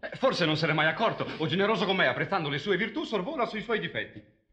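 Earnest, very quick-talking officer. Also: male voice, sits high, sing-song, bright, forceful tone, exaggerated voice. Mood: concerned. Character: earnest, concerned male officer, dutiful nobleman. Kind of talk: theatrical Shakespearean film acting in Italian. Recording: dull old film soundtrack.

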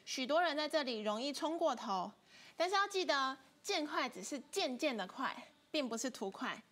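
High-voiced woman teaching a flute lesson. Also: animated, normal speed, a bit bright. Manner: patient, explains step by step. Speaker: music teacher. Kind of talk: online instrument lesson.

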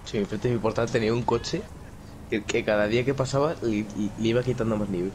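Give me a young man co-hosting a podcast, easygoing and rambling, slightly low voice. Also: fairly even intonation, quick pace. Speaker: podcast co-host. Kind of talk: casual chat while gaming. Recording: noisy background.

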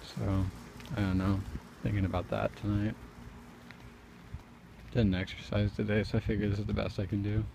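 Male vlogger, low gravelly voice, low-key and musing, recorded on a handheld outdoors at night with faint ambient noise. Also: level tone, moderate pace, long pauses. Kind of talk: casual reflective vlog, talking to self. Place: outdoors on a residential street at night. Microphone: handheld camera or phone mic while walking.

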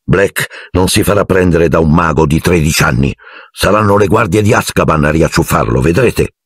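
Guy reading as a worn-out wizard dad, grave and husky, low voice. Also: moderate pace, no echo, clean studio sound. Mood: serious. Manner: grave, weary. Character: harried, tired middle-aged wizard father.

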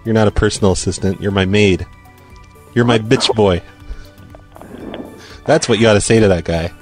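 A man in his forties making a prank phone call, teasing in a deadpan way. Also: fairly low pitch, normal speed, faint music behind. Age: 40s. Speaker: prank caller.

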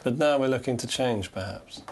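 A man's voice: mid-range voice, normal speed, slight background noise. A man presenting a reality TV show, reassuring at times and blunt at others.

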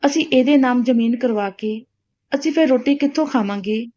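A woman's voice: a little high, a little fast, mellow, natural voice. A woman voicing a fretful older village aunt. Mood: worried. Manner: pleading, fretful. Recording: dull lo-fi recording.

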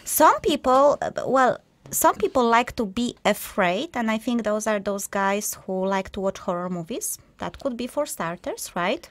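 A woman's voice: a little high, animated, measured pace, no room sound. A young woman co-hosting a live radio show, chatting and teasing with many fillers. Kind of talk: casual live radio chat. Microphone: studio microphone.

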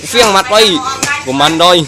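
A man doing excited Muay Thai boxing commentary, full of exclamations and rapidly repeated phrases. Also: over music. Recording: noisy live event recording.

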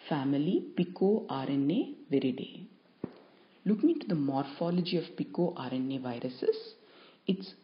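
A woman lecturer explaining a topic to students in a measured, explanatory way, stressing key terms. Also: sits low. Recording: dull lo-fi recording.

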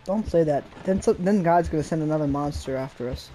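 A man's voice: on the high side, fairly quick, warm tone, slight background noise. A man playing a horror game with a friend, jumpy, easily startled and complaining in casual let's-play chat.

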